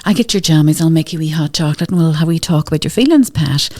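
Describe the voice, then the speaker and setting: A woman voicing a doting mother who gently coaxes her anxious daughter with endearments. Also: low-pitched, fast. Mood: soothing. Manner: gentle, coaxing, full of endearments.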